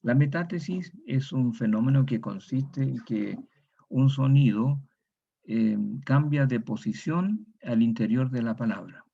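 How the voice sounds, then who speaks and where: A man's voice: mid-range voice, measured pace, vocal fry, husky, dull audio. A Chilean man giving a methodical lecture, repeating each example word and adding tag questions. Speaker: university lecturer. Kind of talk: recorded online lecture.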